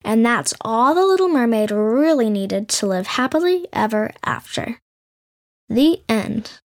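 A woman's voice: on the high side, lively intonation, moderate pace. A woman telling a fairy tale as the show's storyteller in scripted narration, with playful, sarcastic asides.

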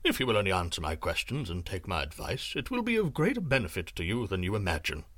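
A man voicing a cunning, persuasive male sorcerer in a hushed, coaxing tone. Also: low-pitched, huge pitch swings, quick pace, dry recording, pitched below the performer's own voice, full character voice.

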